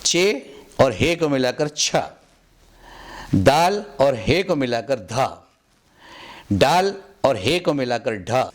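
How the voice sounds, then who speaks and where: Slow, deliberate male language teacher. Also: mid-range voice, very animated. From India. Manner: deliberate, repeats words for drill. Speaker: Urdu pronunciation teacher. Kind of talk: slow instructional explanation. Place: Mumbai.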